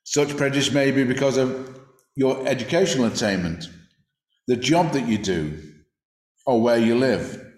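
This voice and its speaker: Preaching at an ordinary middle pitch, a man delivers a sermon in a thoughtful, conversational manner at a moderate pace. He pauses often and sometimes restarts phrases, his voice carrying a spacious echo.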